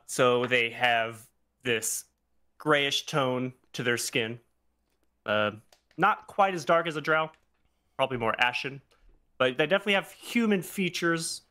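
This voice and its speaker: A man's voice: medium pitch, bright, forceful tone. A man playing a tabletop game, describing his character in a playful, laughing way. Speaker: player.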